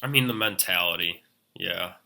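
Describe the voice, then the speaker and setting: A young man in his twenties chats casually as a podcast guest, laid-back and quick to laugh. His voice sits low in pitch. It has a very bright, forceful edge. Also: creaky. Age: 20s. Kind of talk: casual chat.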